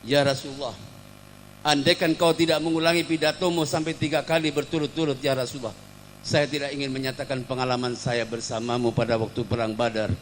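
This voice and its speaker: Ukasyah, a preacher's loud pleading companion. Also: male voice, mid-range voice, a little fast, slight background noise, lightly acted. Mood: insistent. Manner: loud, insistent pleading, turning tearful. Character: Ukasyah, earnest grieving male companion.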